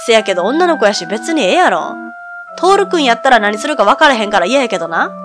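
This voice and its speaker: A woman's voice: fairly high pitch, very animated, fast talker, over music. A woman voicing a brusque, stingy middle-aged man who owns a lodge, speaking blunt Kansai dialect in a video game reading. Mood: gruff.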